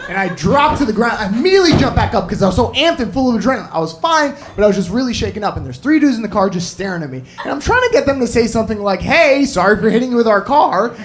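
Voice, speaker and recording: A male stand-up comedian telling a story into a handheld mic on a club stage. His pitch leaps around and builds to shouted punchlines. The live recording is noisy.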